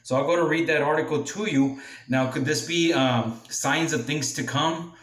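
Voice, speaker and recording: A man reading a news article aloud as a commentator, halting now and then as he stumbles over words. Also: a little high, a bit bright. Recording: echoey room, distant from mic.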